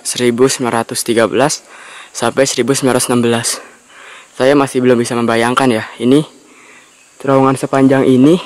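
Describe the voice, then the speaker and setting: A man's voice: mid-range voice, darkish tone. Male travel vlog host, clean resonant mid-range voice, explains and restates key facts. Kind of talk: on-location travel vlog narration. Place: outdoors by a railway tunnel mouth in forested hills.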